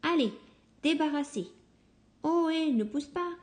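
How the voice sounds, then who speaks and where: A woman's voice: medium pitch, fairly even intonation, measured pace, dark tone, natural voice. A woman voicing a fed-up mother pig scolding her children in a storybook tale. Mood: exasperated. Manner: scolding, raised voice.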